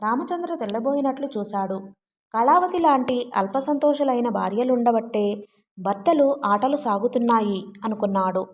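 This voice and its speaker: Higher-voiced woman reading a novel aloud. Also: normal speed, a little mellow. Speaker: audiobook narrator. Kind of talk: scripted narration.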